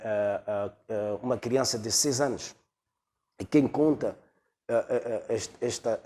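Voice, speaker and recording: A man preaching a sermon as pastor, pausing often on long drawn-out fillers. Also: mid-range voice, a little mellow. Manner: hesitant, many drawn-out fillers.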